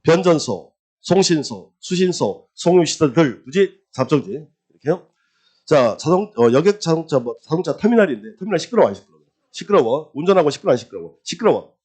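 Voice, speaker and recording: A man's voice: on the high side, big pitch swings, a little fast, a little mellow, husky. A man teaching a real estate law exam-prep lecture, firing rhetorical questions at the class, answering them himself, and repeating key terms in a singsong drill.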